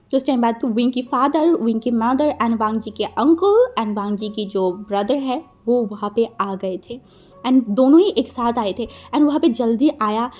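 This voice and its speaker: Woman, high voice, casual story retelling, chatty, giggly. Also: darkish tone. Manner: chatty, mixes English words, giggly. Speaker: fanfiction storyteller.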